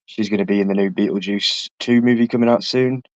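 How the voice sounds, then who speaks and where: A man's voice: fairly low pitch, steady tone, brisk, no echo. A man chatting casually as a panellist on a livestreamed show. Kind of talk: casual chat. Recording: dull lo-fi microphone.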